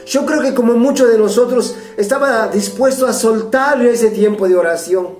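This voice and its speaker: A man's voice: very high-pitched, moderate pace, darkish tone, echoey room, faint music behind. A man with a Mexican Spanish accent preaching a fervent, urgent sermon as pastor.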